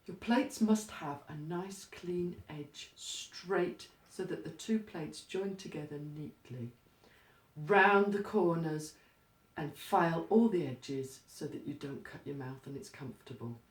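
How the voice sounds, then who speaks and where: A woman's voice: low voice, slow pace. A woman giving step-by-step craft instructions in a plain, practical, instructive manner. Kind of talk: step-by-step how-to demonstration. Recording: roomy, echoey, distant microphone.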